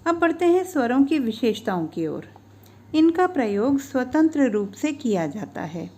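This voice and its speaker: A woman's voice: high voice, sing-song, moderate pace, mellow. A woman in her fifties narrating a scripted grammar lesson over slides, spelling out each sound and example with care. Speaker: teacher.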